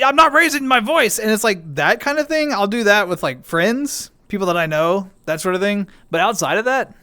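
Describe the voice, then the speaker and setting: A man's voice: high voice, fairly bright tone, clear, resonant tone, no echo, clean studio sound. A young man streaming, chatting casually with his viewers in a rambling way full of restarts and fillers.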